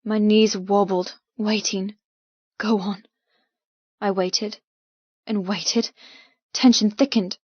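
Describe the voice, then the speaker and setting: Slowly and steadily, a female audiobook narrator reads first-person fiction with dramatic intensity, her mid-pitched voice darkish with a breathy edge. The recording is very dry, a little dull and free of echo.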